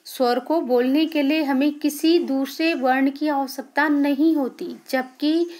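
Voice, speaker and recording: Slow, high-voiced Indian woman teacher. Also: a little mellow. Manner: asks questions and answers them herself, repeats key terms. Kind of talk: online grammar lesson for children.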